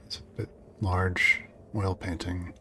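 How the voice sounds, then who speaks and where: A man with a low voice runs a tabletop game, narrating and chatting in hesitant, improvised phrases. A faint layer of noise sits behind him. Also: little pitch movement, slow, bright, forceful tone. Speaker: game master. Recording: clear background noise.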